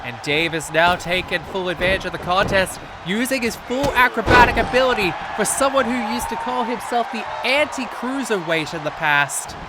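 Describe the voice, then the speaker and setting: A man doing live play-by-play as a wrestling commentator, excitable and wordy, repeating phrases for emphasis. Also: high voice, moderate pace, hardly any pauses. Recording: loud crowd noise behind the voice.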